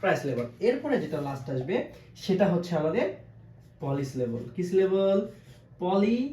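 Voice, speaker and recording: A man's voice: on the high side, big pitch swings, fairly quick, warm tone. A man teaching a video lesson, asking questions and answering them himself, repeating each key term. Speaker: English teacher. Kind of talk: classroom-style video lesson. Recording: echoey room, faint background noise.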